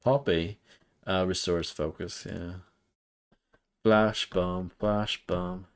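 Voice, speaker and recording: Very low-voiced man commenting on a game. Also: fairly even intonation, slow pace, smooth. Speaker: game streamer. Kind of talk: casual gameplay commentary, reading game text aloud.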